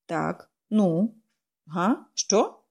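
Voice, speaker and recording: Brief: annoyed gruff stranger, clipped mumbling lines, voiced by a female reader. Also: a little high, big pitch swings, a little fast, mellow, voice pushed up. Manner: curt, annoyed, muttering. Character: gruff brooding male stranger.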